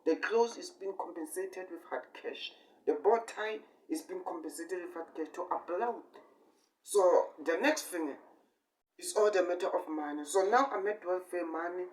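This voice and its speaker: A young man in his 20s, an amateur online speaker with a fairly high voice for a male, rambles off the cuff. He halts between short phrases, repeats himself, and hits certain words in emphatic bursts. The mic sits far from him, giving a distant sound.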